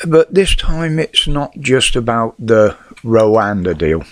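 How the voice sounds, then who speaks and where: A man's voice: mid-range voice, very animated, takes it slowly, no echo. A middle-aged British man with a whistle on his s sounds from false teeth, giving blunt, sweary, casual opinions on the news. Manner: blunt, sweary, rhetorical questions.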